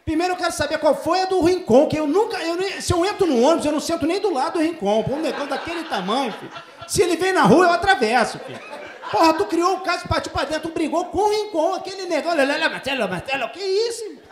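High-voiced profane comic storyteller, man. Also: expressive, fast, roomy sound. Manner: profane, bursts into shouting, mock broken English. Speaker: comedian host. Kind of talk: stand-up storytelling. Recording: live audience laughing and reacting.

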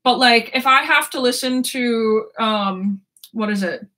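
Her voice sits on the high side, with a measured pace and a sharp tone. A woman in her twenties with a sore throat, she vlogs about books in a rambling, casual chat full of laughter and swearing.

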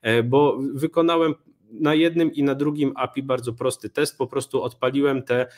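Young male speaker, live coding demo from a small home room, relaxed, halting delivery. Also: medium pitch. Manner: relaxed, many fillers and restarts. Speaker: conference speaker.

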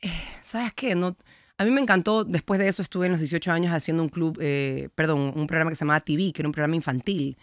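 Animated young Ecuadorian woman storytelling. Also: low-pitched, fast talker, no echo, studio quality. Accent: Ecuadorian Spanish. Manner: lively, animated storytelling with slangy asides. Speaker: podcast guest. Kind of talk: casual interview chat.

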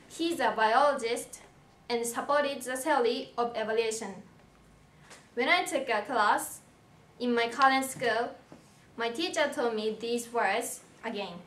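Teen girl, reading her grad speech slow and careful, echoey hall, faint room hum. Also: on the high side, fairly bright tone. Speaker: commencement speaker. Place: indoor hall with a lectern. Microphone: far camera. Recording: roomy hall sound from far off.

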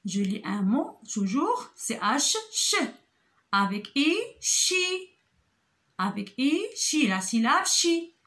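A woman teaching a kindergarten phonics lesson, repeating sounds and syllables slowly and stressing each example word for young children. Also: on the high side, very animated, fairly bright tone. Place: school, recorded for an online lesson.

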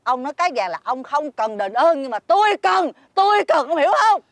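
In a fairy-tale drama, a woman with a Southern Vietnamese accent plays an older fisherman's greedy wife who scolds and makes demands. Her high voice is animated and brisk, and the recording is studio quality with no room sound.

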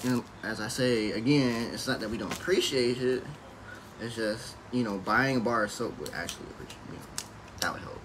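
A man's voice: mid-range voice, brisk. A young man talking casually at home about his family's small business, earnest and leaning on "you know" as he makes his points. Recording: clear background noise.

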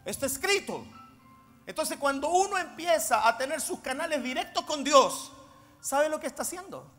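A man preaching a sermon, swinging between loud emphatic declarations and low, intense asides. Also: expressive, moderate pace, faint music behind. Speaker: apostle preaching. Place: church hall. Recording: long reverb of a large hall.

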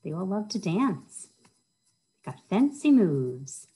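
Very animated yet slow, a middle-aged American woman with a warm, slightly rough voice on the low side reads to young children as the storytime host and children's librarian. She keeps her talk simple, with chatty asides and questions for listeners; the rough recording was made on a webcam or laptop at arm's length in a small wood-panelled room.

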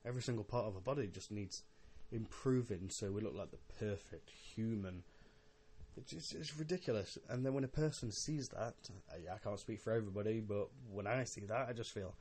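Young male podcaster, lowish voice, mildly drunk, casual and halting rambling delivery. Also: darkish tone, breathy edge. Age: young adult. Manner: halting, rambling, with repeated words and swearing. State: a little drunk. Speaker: podcast host.

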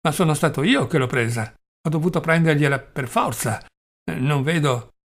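A man's voice: fairly high pitch, moderate pace, a bit bright. A man reading the part of Velchaninov, an angry, agitated man, in an audiobook. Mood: upset. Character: furious man, Velchaninov, shouting in anger.

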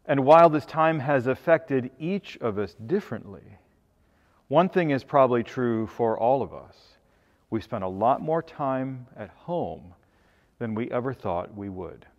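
An older man, a bishop, preaching a sermon with a measured, earnest manner. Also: mid-range voice, animated, big-room sound, highs cut off. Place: cathedral sanctuary, then a home dining room.

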